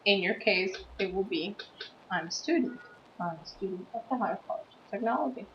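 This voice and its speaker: A woman in her thirties, a teacher from the USA, giving a writing lesson and explaining slowly and patiently, stressing key words. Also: mid-range voice. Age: 30s. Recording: dull, roomy recording with faint background noise.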